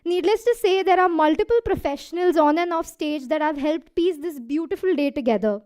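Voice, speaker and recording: A woman's voice: extremely high pitch, brisk, darkish tone. Breathless young woman with an Indian English accent. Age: 20s. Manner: earnest, laughs between lines. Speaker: dancer giving thanks speech. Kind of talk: prepared thank-you speech. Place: hall stage.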